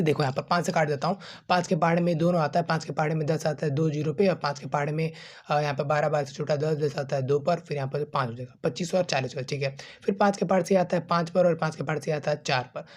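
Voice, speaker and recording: A man with a slightly high, darkish voice teaches maths in a classroom-style video lesson, explaining step by step. Casual and friendly, he asks and answers his own questions and informally calls students "bachche" and "bhai."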